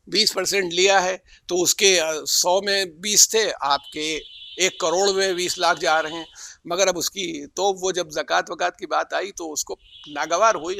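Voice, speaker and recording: A man delivering a religious sermon, telling stories and voicing the figures in them with sudden loud rises. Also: high-pitched, gravelly, no echo, studio quality. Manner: storytelling, acts out quoted figures with loud rises. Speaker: religious speaker. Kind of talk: Muharram majlis sermon.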